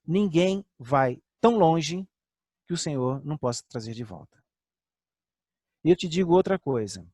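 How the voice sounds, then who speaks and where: An earnest older man preaching, his voice sitting high for a man. He sinks to quiet lows, then lifts into emphatic peaks. The sound is close and dry, with no room around it. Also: breathy edge, no echo. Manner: earnest, drops to soft lows and rises to emphatic highs. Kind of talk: sermon with personal testimony.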